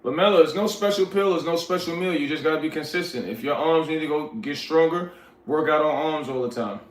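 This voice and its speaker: Speaking fairly quickly in a slightly high voice, a Liberian man reads his livestream chat and banters casually with viewers, calling them "y'all" in laid-back slang. The recording has a roomy echo.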